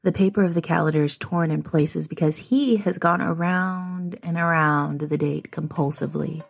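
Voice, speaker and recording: A woman reading her own first-person horror story aloud, measured and often dropping to a hushed whisper. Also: low voice, steady tone, vocal fry, husky.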